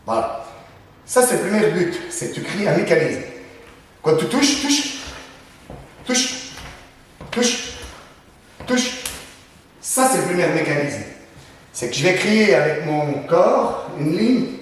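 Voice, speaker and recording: Male martial arts instructor, brisk demonstrations with sound words, heard from afar in a reverberant hall. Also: high voice, very animated, distant mic, a little hiss or hum. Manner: punctuates moves with sound words. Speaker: Krav Maga instructor. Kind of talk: demonstrating self-defense techniques.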